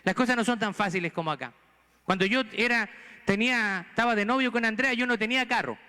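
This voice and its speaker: A man's voice: high voice, fast talker, sharp tone, clear, resonant tone, long reverb tail. A man from Chile, a pastor with a Chilean accent, preaching a sermon earnestly and pressing the congregation with rhetorical questions. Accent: Chilean Spanish. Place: church sanctuary.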